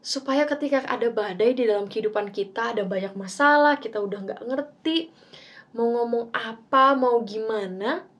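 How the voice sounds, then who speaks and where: A woman delivers a youth devotional talk with a fairly high voice. She speaks in a casual, chatty way with plenty of fillers, and reads scripture passages with dramatic flair. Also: moderate pace, fairly bright tone. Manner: dramatic reading with voiced quotes.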